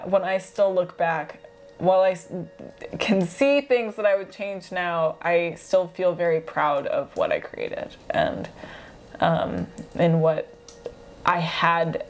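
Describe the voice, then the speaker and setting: A woman in a casual question-and-answer chat, speaking in measured, somewhat hesitant phrases as a video creator. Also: on the low side, expressive.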